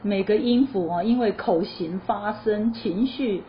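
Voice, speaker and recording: A woman teaching a choir lesson, explaining musical phrasing in a lively, chatty way and asking her listeners questions before answering them. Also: mid-range voice, unhurried. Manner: lively explanatory, sings short demo phrases. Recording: slightly dull lo-fi recording with faint noise.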